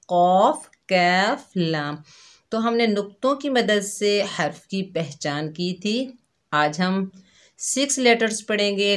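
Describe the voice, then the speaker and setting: A woman teaching young children to read Arabic letters, speaking gently and patiently and repeating each letter slowly. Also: lowish voice. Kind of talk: slow children's lesson.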